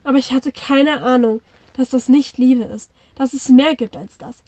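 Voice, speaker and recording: A woman's voice: sits high, moderate pace, warm tone, no room sound. A woman reading the lines of a heated young man confronting a friend, in her own voice without changing it. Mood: angry pleading.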